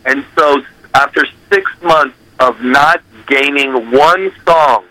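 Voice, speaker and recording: Animated man with a very bright voice. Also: mid-range voice, slow, no echo, rough recording. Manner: animated, acts out quotes and scats melodies; swears casually. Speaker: recording artist. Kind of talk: casual storytelling in an interview.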